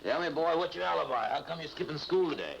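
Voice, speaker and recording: An actor playing an easygoing, kindly American private detective with a folksy, teasing manner in a 1950s TV drama. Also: male voice, fairly high pitch, very animated, fast talker, creaky, dull audio. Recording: noisy vintage TV soundtrack.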